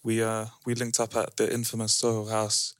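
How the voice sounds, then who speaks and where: A man's voice: on the low side, completely flat delivery, normal speed, no echo, studio quality. A man with a London roadman accent chatting casually in slang as a podcast co-host.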